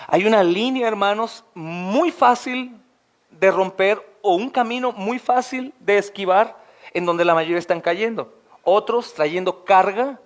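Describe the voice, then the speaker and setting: A man over forty preaching an expository sermon as pastor, impassioned, often calling out to his listeners as brothers and climbing into high, emphatic questions.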